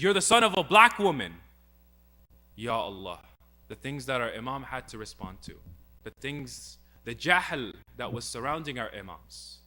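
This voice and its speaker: A man's voice: fairly high pitch, pushed and bright. A young man giving a religious talk, earnest and full of rhetorical questions as he retells a story. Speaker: speaker.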